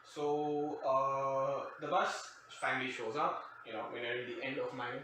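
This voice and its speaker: Level in tone and measured in pace, a man with a mid-range voice recounts a casual comedic anecdote full of wry sarcasm and tangents. He hosts a storytime show and grew up in another country from the one he lives in now. A distant mic records him in a very echoey room with faint noise.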